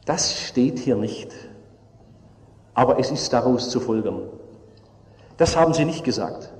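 A man's voice: mid-range voice, lively intonation, a little slow, darkish tone. A man preaching a sermon, retelling a story vividly and acting out the voices of its characters. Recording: echoey church hall with long reverb.

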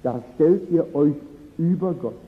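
A man's voice: on the high side, a little slow. A man preaching a sermon, earnest and emphatic, who repeats his key phrases for weight. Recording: tinny phone-like sound in a long-echoing hall.

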